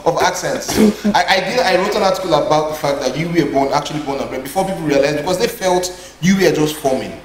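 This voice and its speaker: A man's voice: a little high, reverberant, slight background noise, rough recording. A man with a Nigerian accent interviewing a guest in a playful, teasing way. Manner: fast, teasing, playful questioning. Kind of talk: casual interview.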